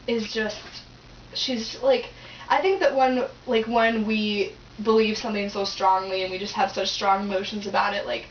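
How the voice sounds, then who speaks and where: A woman's voice: a little high, slight background noise. A young woman student teacher, answering hesitantly and thinking aloud with many likes and ums. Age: young adult. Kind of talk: casual discussion. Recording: roomy distant lo-fi recording.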